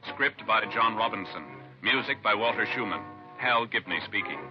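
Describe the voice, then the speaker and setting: American man, old-time radio announcer, formal, measured, lowish pitch, music behind, muffled vintage sound. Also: expressive. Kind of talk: 1950s radio announcing, scripted.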